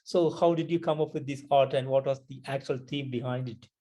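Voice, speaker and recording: A man's voice: mid-range voice, steady tone, fairly quick, dark tone. A man asking interview questions as a music journalist, in a polite, admiring manner.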